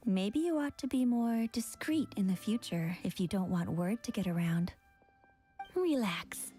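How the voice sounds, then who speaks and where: Coy, mellow-voiced flirtatious woman. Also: medium pitch. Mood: seductive teasing. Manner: coy, drawling, teasing. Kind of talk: anime video game character acting. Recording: music behind the voice.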